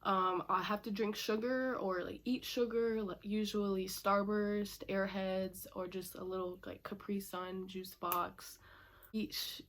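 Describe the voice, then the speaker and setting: A woman's voice: medium pitch, steady tone, a little slow, a bit bright. Chatty young woman vlogging. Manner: chatty, many fillers like "like" and "um". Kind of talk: casual Q&A vlog.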